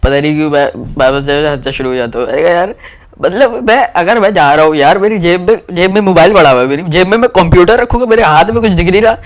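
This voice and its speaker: A young man from Pakistan, telling a travel story to camera in a rambling, animated way with lots of fillers. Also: high voice, fast.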